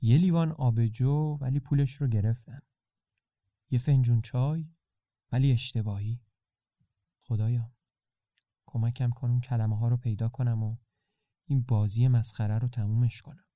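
A man's voice: medium pitch, steady tone, pauses often, mellow, no echo, studio quality, close to an everyday voice. A man voicing a troubled, weary young male traveler who speaks in an earnest, hesitant and apologetic way, in a storytelling podcast.

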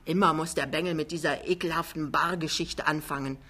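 A woman's voice: mid-range voice, animated, normal speed, bright, forceful tone. A woman voicing a vain, boastful older mother with a triumphant, theatrical manner in an audiobook reading.

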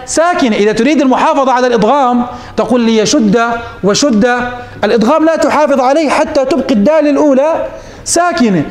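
A man's voice: extremely high pitch, fast, reverberant. A man teaching morphology as a sheikh, posing questions to his students and answering them himself. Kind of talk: classroom lesson.

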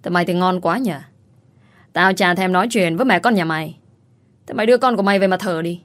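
A woman's voice: fairly low pitch, fast talker, natural voice. A woman voicing a coarse scolding mother-in-law. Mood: contemptuous. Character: harsh bullying old mother-in-law.

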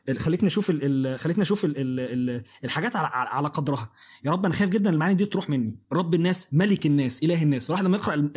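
A man with an Egyptian Arabic accent teaching a casual Quran lesson, halting and restarting often. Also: a little high, a little mellow, slightly rough. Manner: halting, many restarts and fillers.

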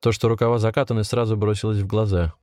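A man narrates a story in a steady, measured manner. His voice is low and the recording is close and dry with no room sound, a plain audiobook read. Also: dry recording. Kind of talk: audiobook reading.

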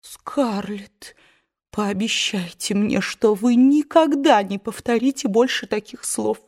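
Woman reader as fussy old aunt, fretful, soft scolding, easily in tears, storybook. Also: medium pitch, takes it slowly, pitched above the performer's own voice.

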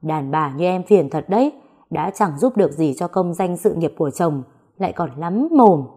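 A woman's voice: on the low side, animated, moderate pace, dark tone, breathy edge. A woman voicing a scornful husband who brushes off his wife in a storybook reading. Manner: dismissive, belittling. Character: abusive scornful husband, man.

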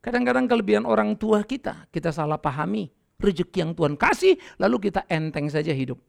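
A middle-aged man preaching a sermon as pastor, lively and conversational, acting out quoted dialogue and laughing with his listeners. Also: sits high, fast, creaky. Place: church.

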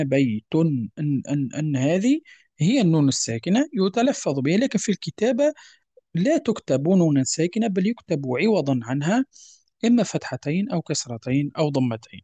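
A man teaches tajwid in a patient, repetitive way, pausing to ask whether it is clear. His voice sits a little high yet sounds mellow and warm. The recording is dry and close, with no room echo. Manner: patient, repeats examples and checks understanding. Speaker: Quran recitation teacher. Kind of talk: explanatory lesson with verse recitation.

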